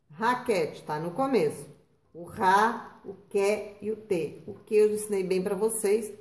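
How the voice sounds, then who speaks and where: A woman teaching children a spelling lesson, patient and slow, drawing out words and checking in with "tá?" and "né?". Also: medium pitch, darkish tone. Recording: echoey room.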